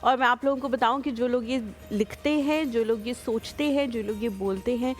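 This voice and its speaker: A woman's voice: on the high side, normal speed, soft background music. A woman, co-hosting a morning show, upbeat and encouraging, mixing in English phrases. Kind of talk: casual TV chat.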